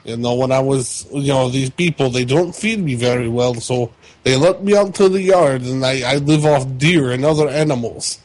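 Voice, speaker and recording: A man's voice: medium pitch, moderate pace, a little mellow, dry recording, close to an everyday voice, low-quality recording. Man putting on a blunt Russian-accented prison fighter. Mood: aggrieved. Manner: blunt, grandiose, slightly stilted phrasing. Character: boastful, aggrieved middle-aged Ukrainian prisoner, a fighter. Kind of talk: prank phone call character acting.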